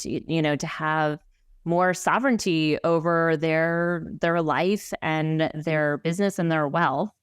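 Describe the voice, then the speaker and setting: A woman's voice: on the low side, clean tone, dry recording, clean studio sound. A woman hosting a podcast, upbeat and enthusiastic, with many fillers. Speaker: podcast host. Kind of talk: interview hosting.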